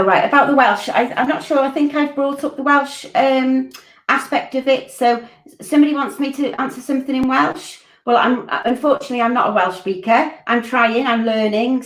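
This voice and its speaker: A college curriculum director in her forties hosts a Q&A stream from a room at home, answering viewers' questions informally with plenty of ums and restarts. Her voice is on the high side, picked up from a distance by a roomy-sounding laptop webcam mic on a video call.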